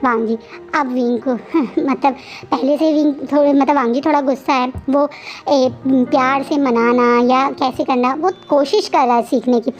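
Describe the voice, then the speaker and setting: A woman's voice: high voice, fairly even intonation, moderate pace, dull audio. A woman casually retelling a fan fiction story, chatty and restarting her sentences often. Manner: chatty, frequent restarts and fillers.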